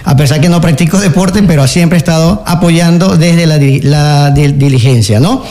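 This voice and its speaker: A man's voice: a little high, moderate pace, warm tone. A man, a guest on a radio interview, speaking earnestly with many fillers and restarts. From Ecuador. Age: 40s. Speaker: interview guest, local candidate and teacher.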